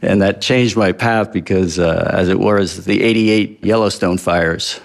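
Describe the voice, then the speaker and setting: A man's voice: deep voice, a little slow, vocal fry. A man in his fifties, a wildfire expert, answering interview questions plainly and candidly.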